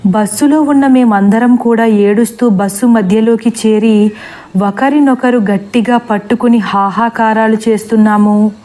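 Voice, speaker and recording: A woman narrating a horror story in a steady, dramatic storytelling voice. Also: fairly high pitch, measured pace.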